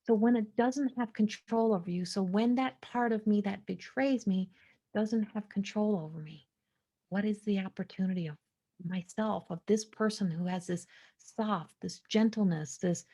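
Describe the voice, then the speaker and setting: A woman in her forties hosting a podcast, sharing a slow, introspective spiritual monologue that sometimes drops to a hushed whisper. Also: medium pitch. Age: 40s. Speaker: podcast host.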